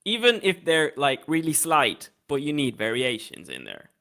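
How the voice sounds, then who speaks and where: A man's voice: on the high side, huge pitch swings, normal speed, gravelly, bright, forceful tone. A man on an online call giving easygoing, practical feedback on a song, often restarting his sentences. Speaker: music reviewer. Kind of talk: casual review chat on a live stream.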